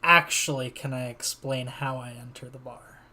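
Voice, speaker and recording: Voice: mid-range voice, steady tone, moderate pace, heavy background noise. A player in a tabletop role-play session, playfully narrating a comic entrance for his character. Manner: playful, storytelling.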